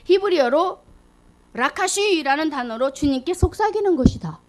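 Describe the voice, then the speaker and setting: A woman lay preacher delivering a sermon in an animated, exclamatory way, swinging between loud calls and hushed asides. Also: sits high, normal speed, noisy background.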